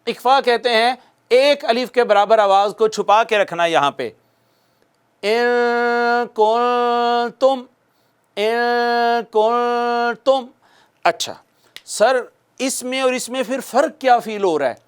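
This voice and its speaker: Man, recitation teacher, high-pitched voice, clear and resonant, repeats points, quizzes viewers. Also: expressive. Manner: asks questions and answers them himself; repeats key points slowly for dictation. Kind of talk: recorded video lesson.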